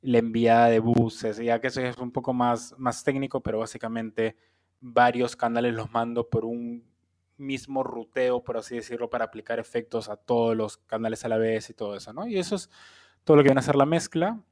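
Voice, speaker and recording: A man's voice: medium pitch, steady tone, normal speed, a little mellow. A man who works as a mixing engineer explains his process step by step, patiently, with frequent fillers and question tags. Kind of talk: explanatory talk.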